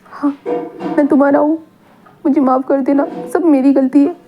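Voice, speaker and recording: A woman's voice: high voice, steady tone, moderate pace, soft background music, close to an everyday voice. A woman doing a remorseful soul begging forgiveness. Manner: apologetic, stammering. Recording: tinny phone-like audio.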